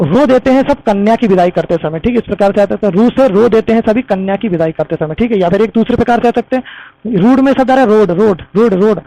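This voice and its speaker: A man with a high, warm voice teaches an exam-prep lesson, repeating memory tricks over and over and calling his viewers friends. The audio quality is poor.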